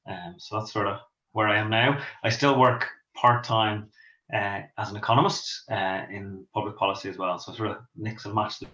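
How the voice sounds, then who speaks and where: A man's voice: fairly low pitch, fairly even intonation, normal speed, pushed and bright. A middle-aged Irish man from Dublin, a pastor and author, answering interview questions with many ums and restarts. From Ireland. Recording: echoey, dull lo-fi sound.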